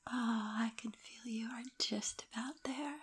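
A woman whispering an intimate roleplay in a teasing, commanding way, with soft hums between her phrases. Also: fairly high pitch, steady tone, unhurried, breathy edge.

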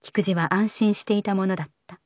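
A woman narrating a novel in a calm, measured audiobook reading. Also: medium pitch, no echo, clean studio sound.

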